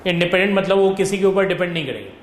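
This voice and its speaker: A man's voice: high-pitched, animated, very fast. A male economics tutor, dictating notes in a lecture and checking with his students. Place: classroom. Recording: echoey classroom with faint noise.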